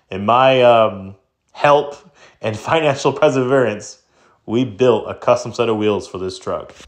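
A man narrating a truck build as a voice-over, relaxed and enthusiastic as he tells the story. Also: mid-range voice. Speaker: truck builder and channel host.

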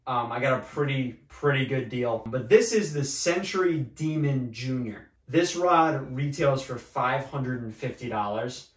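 A man's voice: medium pitch, measured pace, hardly any pauses. A young man hosting a fishing channel, casually walking through his gear with lots of fillers, recorded at a table indoors by a camera across the room. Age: young adult. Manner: relaxed, chatty, many fillers. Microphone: far camera. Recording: roomy echo, voice far from mic.

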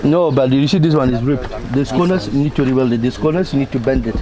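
A man's voice: medium pitch, a little fast, low-quality recording. A man from Ukraine who speaks English with an African accent, chatting casually outdoors. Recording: clear outdoor background noise.

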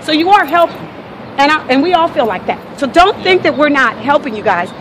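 Standing on a city street next to traffic, a local American woman confronts a protester, arguing and negotiating with insistence, frequently repeating and interrupting. She sounds high-pitched with lively intonation, speaking fairly quickly. The phone recording, handheld, is full of outdoor street noise.

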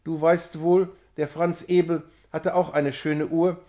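A young peasant rival needles and taunts with a mocking edge, as a man reading a novella puts him on. The voice is slightly high for a man. It stays close to a plain reading voice. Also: little pitch movement, unhurried, warm tone, close to an everyday voice. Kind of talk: reading a classic novella aloud.

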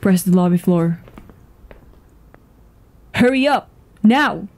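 In a dramatic ASMR roleplay, a woman voice actor plays a tense, foul-mouthed, commanding woman who is hiding a secret. Her fairly low, darkish voice moves slowly but with lively intonation, sounding cold and threatening. She swears urgently, with breathy sighs and stammers.

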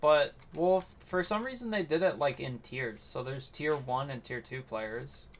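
A man's voice: medium pitch, a little slow, slight background noise. A man chatting casually while recording his gameplay, dry and self-deprecating, with a mumbling delivery. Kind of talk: casual chat while playing.

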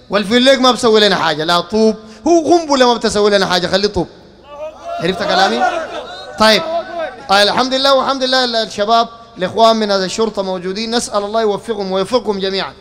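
High-voiced Sudanese preacher addressing a crowd. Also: male voice, fairly bright tone. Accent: Sudanese Arabic. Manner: rhetorical, fires questions at the crowd and calls for attention. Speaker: preacher giving a public lecture. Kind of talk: public religious lecture.

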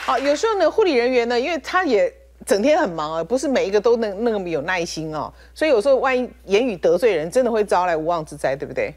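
A woman's voice: mid-range voice, fast, slight background noise. A woman with a Taiwanese Mandarin accent hosting a talk show, telling a story with small laughs. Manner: lively storytelling with little laughs. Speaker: host.

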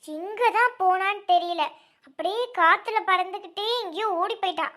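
A woman's voice: extremely high pitch, normal speed, pushed and bright. A woman acting in an amateur horror drama, talking anxiously and exclaiming.

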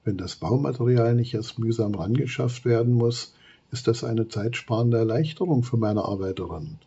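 Anxious termite queen, as a male storyteller puts her on, husky voice, dull lo-fi sound. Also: medium pitch, moderate pace, warm tone. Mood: relieved. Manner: anxious, pleading. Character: worried female termite queen.

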